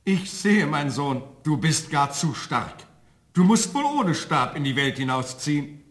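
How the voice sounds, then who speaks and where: A man's voice: fairly high pitch, very animated, unhurried, fairly bright tone. An actor playing a farmer who is the father of a giant son, in a radio play. He talks in an insistent, matter-of-fact way. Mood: resigned.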